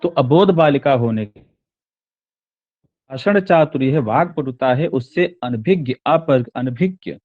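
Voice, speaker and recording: A man's voice: mid-range voice, lively intonation, measured pace, narrow, tinny audio. A man teaching a Sanskrit text: he reads each line, then explains it word by word, repeating and correcting himself as he goes.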